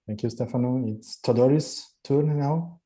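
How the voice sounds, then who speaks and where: Guy running an online seminar on a video call, real dark mellow voice, lots of uhs. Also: mid-range voice, moderate pace. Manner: hesitant, many fillers. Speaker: seminar moderator.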